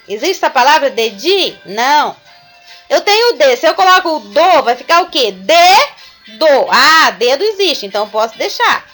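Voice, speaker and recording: A woman teaching a recorded class to young children, explaining slowly and patiently step by step. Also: extremely high pitch, fairly bright tone. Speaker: primary school teacher. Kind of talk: recorded remote class lesson.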